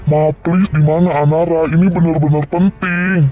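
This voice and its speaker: A man's voice: on the high side, steady tone, moderate pace, warm tone, dull audio, soft background music, close to an everyday voice. [name], a man voicing an urgent young husband. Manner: insistent, pleading.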